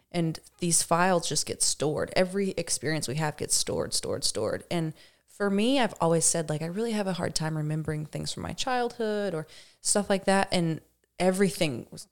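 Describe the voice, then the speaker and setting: Woman, conversational podcast guest, slightly low pitch, lively storytelling delivery. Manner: animated storytelling, frequent "like", laughs easily. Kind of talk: casual conversation.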